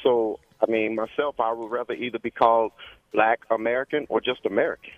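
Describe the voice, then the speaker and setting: A man's voice: medium pitch, steady tone, brisk, no room sound. A man calling in to a radio show, hesitant and searching for his words. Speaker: caller. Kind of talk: call-in radio talk. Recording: tinny phone line with music behind.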